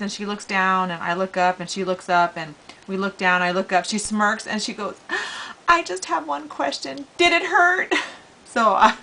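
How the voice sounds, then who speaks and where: A middle-aged woman chatting casually to camera as a vlogger, with an animated, gushing, informal way of talking. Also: medium pitch, poor audio. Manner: animated, gushing enthusiasm, informal slangy wording. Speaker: vlogger hosting a giveaway.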